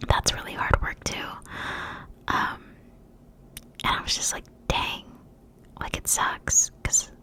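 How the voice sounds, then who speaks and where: A young American woman gives a rambling ASMR talk in a breathy whisper close to the mic, sometimes slowly repeating words. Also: sharp tone. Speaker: ASMR creator. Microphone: close mic for cupped whispering.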